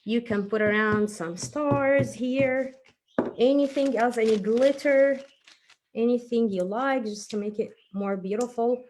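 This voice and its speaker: This is a fairly high, darkish female voice with rather even intonation, delivered a bit slowly. As she demonstrates a craft for little ones, she talks casually and encouragingly, thinking aloud step by step with her hands occupied. Faint background noise and minor clicks are present.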